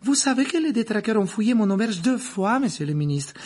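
Man playing a high, airy innkeeper woman, chatty, fond, storybook reading. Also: big pitch swings, brisk, a little mellow. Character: warm plump middle-aged female innkeeper.

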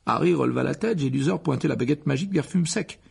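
Male audiobook narrator, gravelly and very husky, expressive storytelling, mid-range voice. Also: a little high, fast talker. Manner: expressive storytelling, rising with the action. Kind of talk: reading a fantasy novel aloud.

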